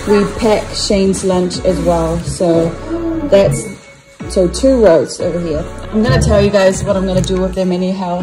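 A woman in her thirties from New Zealand, chatting casually through her family's weekly grocery haul with lots of ums and restarts. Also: medium pitch. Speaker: family vlogger. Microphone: phone held at arm's length.

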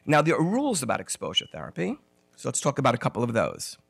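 A man giving a conference lecture on anxiety therapy, telling an animated personal story and acting out the dialogue with self-deprecating humor. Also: mid-range voice, quick pace, vocal fry, slightly rough, no room sound. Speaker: conference speaker on OCD therapy. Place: conference room.

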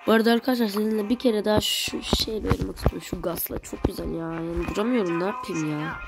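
A woman giving casual, excitable commentary while playing a mobile game for her channel, chatting to viewers and reacting loudly to the match. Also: medium pitch, fast talker, gravelly. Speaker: gaming channel host. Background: game music.

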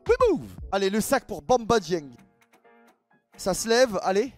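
Excitable high-voiced young man. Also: unhurried. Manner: excitable, shouts and drags out words at big reveals; chatty, keeps addressing viewers as "the guys". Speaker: gaming YouTuber. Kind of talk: casual pack-opening commentary. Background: background music.

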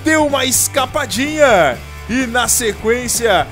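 A man with a Brazilian accent giving live motorsport play-by-play on sim racing, excitable, with drawn-out shouted calls. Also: very high-pitched, over music. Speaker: motorsport commentator.

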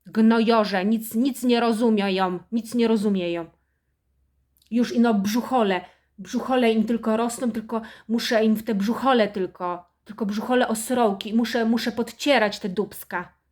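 A harsh, house-proud mother, as a woman acts her out, who nags and pities herself in a somewhat high voice and turns shrill when she scolds. She is a middle-aged mother in a satirical character monologue. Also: fairly even intonation, moderate pace, a little mellow, natural voice. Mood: shrill scolding. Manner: nagging and self-pitying, turns to shrill scolding.

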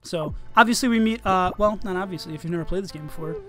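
A laid-back let's-play host rambles through casual gameplay commentary, trailing off into fillers and cursing along the way. The voice is mid-pitched and easygoing. Faint game music runs beneath. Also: quick pace.

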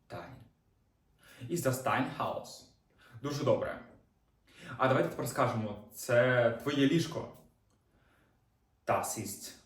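A man's voice: medium pitch, echoey room, recorded from a distance. A man giving an online language lesson, explaining patiently step by step with small fillers. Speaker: German teacher.

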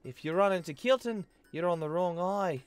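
A man's voice: sits high, moderate pace, smooth, faint music behind, close to an everyday voice. A man voicing a friendly female amateur scholar in a put-on Australian accent, chatty and helpful. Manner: chatty, helpful, explaining directions.

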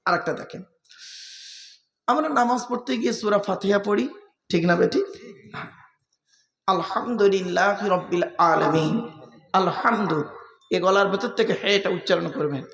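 A man's voice: high-pitched, fairly quick, gravelly, long pauses, fairly bright tone. A male Islamic preacher from West Bengal giving a waz sermon, who keeps asking the gathering questions and drilling their answers. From West Bengal, India. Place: large religious gathering. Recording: echoey public-address sound at a gathering.

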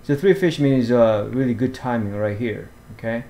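A man walking through fishing apps over a screen recording, talking haltingly with many fillers and restarts. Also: mid-range voice, dark tone. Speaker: fishing vlogger. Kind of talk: screen-share app walkthrough.

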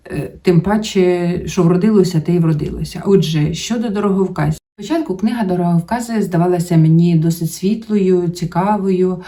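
A woman's voice: lowish voice, warm tone, recorded from a distance. A woman hosting a book channel, chatting casually about her reading, rambling with many fillers and restarts. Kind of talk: casual book-review chat to camera.

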